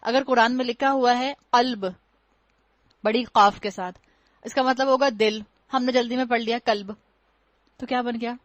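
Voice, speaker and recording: A woman's voice: on the high side, fairly even intonation, no room sound, dull audio. A woman giving a religious lecture, explaining patiently, using rhetorical questions and wry humor, and slipping English words into her talk. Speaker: Quran teacher.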